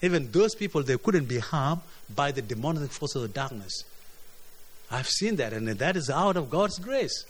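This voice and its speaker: A man from preaching a sermon, earnest, often repeating words as his voice swings between emphatic highs and quiet lows. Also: very animated, moderate pace, breathy edge. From South Sudan. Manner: earnest, repeats words, rises and drops in pitch and loudness.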